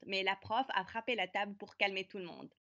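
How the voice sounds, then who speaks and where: Feisty teen girl telling her cartoon story, brisk, sarcastic, bright tone. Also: mid-range voice. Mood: sardonic. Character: feisty teenage girl, new student narrating. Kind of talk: animated story narration.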